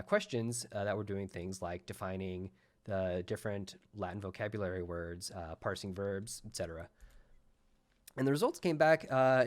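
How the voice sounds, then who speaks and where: Low-voiced man presenting at a conference. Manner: explanatory, frequent uh fillers. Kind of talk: recorded conference talk.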